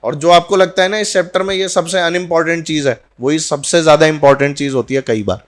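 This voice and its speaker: A physics teacher talking warmly and jokingly to his students at the end of a course in a classroom, mixing in English phrases. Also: on the high side, steady tone, quick pace. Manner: chatty and teasing, mixing Hindi with English phrases. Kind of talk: farewell talk to a class.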